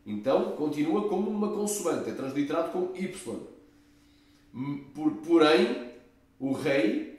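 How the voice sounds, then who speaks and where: A preacher walks his listeners through a lesson, stopping often for tag questions and pious exclamations. His voice is fairly high for a man and sounds far from the mic, in a very echoey space. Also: darkish tone. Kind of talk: teaching commentary on a video.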